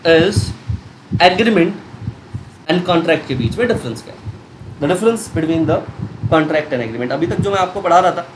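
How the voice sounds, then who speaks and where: A man teaching a commerce class, who keeps quizzing his students with repeated questions and addressing them fondly. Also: high voice. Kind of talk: Hindi-English lecture. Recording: noisy recording with clicks.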